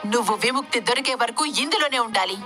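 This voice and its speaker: Commanding male exorcist, read by a woman, firm, bright tone, storybook reading. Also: fairly high pitch, quick pace, faint music behind.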